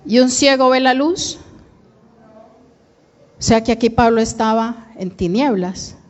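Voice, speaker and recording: A woman with a Colombian Spanish accent preaches in an unhurried, deliberate way, her voice sitting a little high. She keeps turning to the congregation with questions. Her words ring out with a long reverb from the church hall. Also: highs cut off. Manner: calls out to the congregation, asks questions. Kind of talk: sermon.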